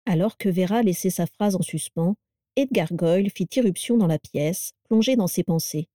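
Mellow woman reading a storybook. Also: on the low side, moderate pace, no room sound, studio quality. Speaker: narrator. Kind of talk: storybook audiobook narration.

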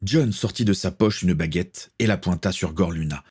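A man reading a pirate adventure story aloud, steady and dramatic. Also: sits low, moderate pace, husky. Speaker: narrator. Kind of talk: storybook narration.

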